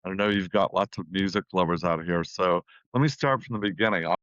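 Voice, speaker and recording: A man's voice: low-pitched, fairly quick, fairly bright tone, no room sound. A middle-aged man from New Zealand, a guest musician telling his story in a rambling way and repeating phrases. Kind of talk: casual storytelling in an interview. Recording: dull, dry lo-fi sound.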